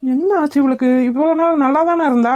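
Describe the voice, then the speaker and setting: A woman's voice: high-pitched, a little fast, darkish tone, no echo, dull audio, lightly acted. Woman voicing a teasing young cartoon man. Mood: puzzled. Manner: teasing, puzzled. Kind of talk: cartoon voice acting.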